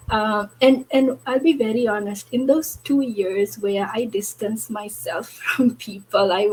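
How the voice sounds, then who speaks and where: A Fijian woman who runs an online business shares her own story on a panel, earnest and candid, with many fillers. Her mid-range voice is a little mellow, and the rough recording carries a slight hiss or hum.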